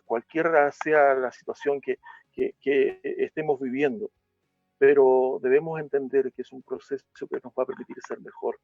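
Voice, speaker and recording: A man giving a reflective faith talk that turns to a parable, pausing often with fillers. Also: mid-range voice, dry recording. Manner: hesitant, many fillers. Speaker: speaker. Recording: dull lo-fi sound with music.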